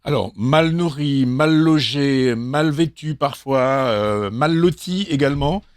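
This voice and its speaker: A man hosting a talk show, asking questions in a measured way with frequent fillers. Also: on the high side, no room sound, clean studio sound. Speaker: radio show host.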